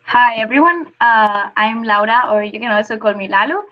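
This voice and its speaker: A woman's voice: a little high, normal speed. A woman introducing herself on an online webinar, upbeat and casual. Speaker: webinar panelist. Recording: dull lo-fi call audio.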